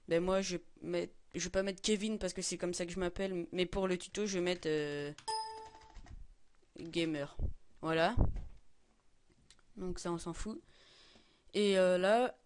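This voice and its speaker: A man's voice: high voice, smooth. A teenage boy walking through a game mod tutorial, hesitant and full of fillers and self-corrections. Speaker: gaming tutorial maker. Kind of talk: screen-recorded tutorial.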